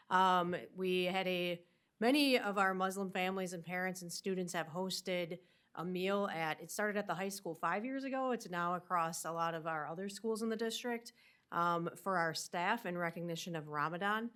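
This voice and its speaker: A woman's voice: on the low side, fairly bright tone. A woman with a nasal voice from a winter cold, giving a superintendent's upbeat update at a school board meeting. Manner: upbeat, with many fillers.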